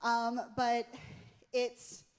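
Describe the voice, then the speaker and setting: A woman's voice: fairly high pitch, monotone, very slow. Earnest woman preaching. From Pennsylvania. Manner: earnest storytelling, tag questions. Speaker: worship leader, guest speaker. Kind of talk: conversational sermon. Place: church stage before a congregation.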